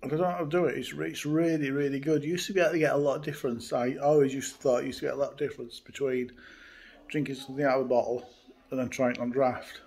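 A man chats through a beer review in a relaxed, easygoing way. He pauses often with "uh" and "um" as he talks close to a phone or webcam in a hotel room. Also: mid-range voice. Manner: chatty, relaxed, frequent uh fillers. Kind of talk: casual beer review chat. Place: indoors by a window in a hotel room.

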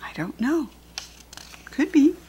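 An older American woman with a high, sing-song, warm voice reads a picture book to young children at a slow pace, though the recording sounds muffled. She is a read-aloud host and reading teacher who teaches as she reads, pointing things out and asking simple questions.

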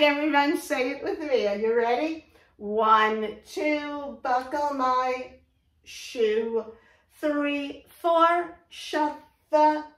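A woman's voice: high-pitched, a bit bright. A woman reading a rhyming storybook aloud as a children's teacher, encouraging young listeners and prompting them to repeat the words. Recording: echoey room, voice from a distance.

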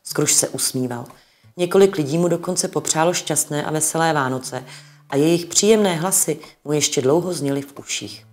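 Low-voiced woman reading a story. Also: a little mellow.

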